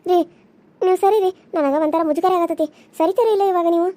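A timid young village wife, voiced by a woman in a cartoon serial. She speaks in a very high, pleading and whiny voice with a North Karnataka accent. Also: fairly even intonation, quick pace, warm tone. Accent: North Karnataka Kannada.

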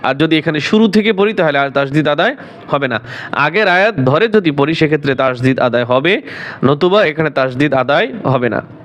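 A man teaching Quran recitation, explaining the rules quickly and then reciting the verses slowly and drawn out. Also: a little high, animated, a bit bright. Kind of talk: step-by-step recitation lesson.

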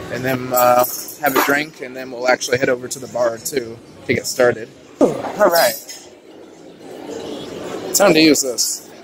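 Holding his phone camera, a young vlogger strolls a large indoor buffet and narrates in a casual, upbeat way, with many "ooh"s and "uh"s. His voice is medium-pitched, and the noisy restaurant video carries the chatter and clatter of diners.

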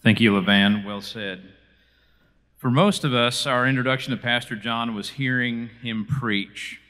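A man's voice: medium pitch, a little slow, pushed and bright. A man emceeing a church banquet, introducing a video and drawing the audience in with questions. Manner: friendly, engaging the audience with questions. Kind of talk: introducing a segment.

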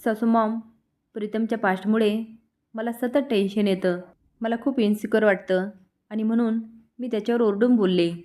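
A woman's voice: on the high side, fairly even intonation, moderate pace, warm tone, close to an everyday voice. A woman voicing a spoiled, scheming young woman who scolds and taunts. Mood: pleading.

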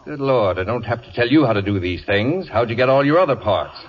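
An actor playing a caustic, domineering middle-aged celebrity critic with an acid, teasing manner in a 1950s radio drama. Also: male voice, mid-range voice, animated, brisk, close to an everyday voice. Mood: imperious. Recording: dull lo-fi 1950s radio broadcast.

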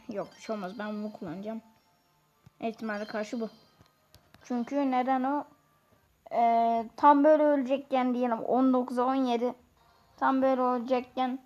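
A woman giving chatty, excitable commentary on her own gameplay, talking straight to her viewers. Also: a little high. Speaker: gaming YouTuber. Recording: dull lo-fi sound.

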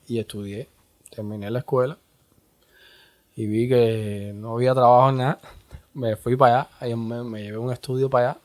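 A Cuban man speaks in a Cuban Spanish accent with an easy, unhurried delivery. He sits as a guest in a casual studio interview, his pitch sitting in an ordinary middle range. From Cuba. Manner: slow, laid-back, repeats "¿entiendes?". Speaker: music producer guest.

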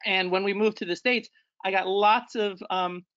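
A man's voice: high-pitched, steady tone, moderate pace, fairly bright tone, clear, resonant tone, muffled recording. A man in his forties, born in Ecuador, giving an online slideshow talk as a guest presenter, hesitant, with many fillers and self-corrections. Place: indoor room. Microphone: video call.

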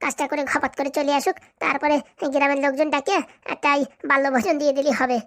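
A woman voicing a bossy, sharp-tongued cartoon wife who scolds and insults her husband. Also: sits high, flat delivery, fast. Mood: scolding. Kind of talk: comic cartoon dubbing.

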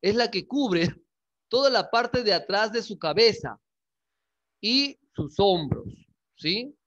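A man teaches an English class online, switching between languages for a bilingual explanation and checking in often with "¿sí?" while chuckling frequently. His high voice is expressive and fairly bright, he speaks slowly, and the recording is muffled.

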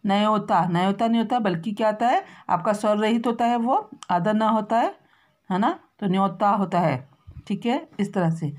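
A woman from Uttarakhand teaching a spelling lesson to young children, stretching words out slowly and ending almost every phrase with a question to the class. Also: medium pitch, expressive, darkish tone. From Uttarakhand, India. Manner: slow, drawn-out spelling out of words; constant tag questions to pupils. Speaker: primary school teacher.

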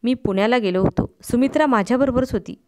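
A blunt, carefree man tells hard things in an even, unhurried tone, voiced by a woman reading a story aloud. The voice stays smooth and clear, pitched a little high. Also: lightly acted. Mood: calm, matter-of-fact. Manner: calm, level, unhurried. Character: calm blunt carefree male friend.

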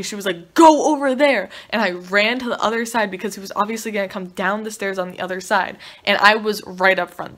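A young woman vlogger telling a story in a casual, excited way, swearing freely. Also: mid-range voice. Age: young adult.

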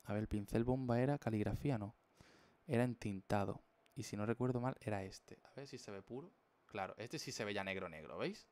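A man's voice: lowish voice, fairly quick, darkish tone. A young man from chatting casually on a live stream while he draws, playful and full of slang. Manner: playful, slangy, jokey rambling.

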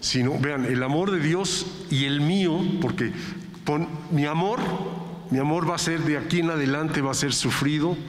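A man's voice: fairly high pitch, normal speed. A man preaching a sermon as pastor, talking in a conversational way and checking in with his listeners. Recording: echoey reverberant hall with faint ambience.

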